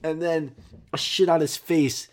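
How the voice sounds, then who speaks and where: A man's voice: fairly high pitch, steady tone, a little slow, natural voice. A man voicing a mean, foul-mouthed female kindergarten teacher who brags brashly about hurting a child. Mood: aggressive. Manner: brash, yelling profanity.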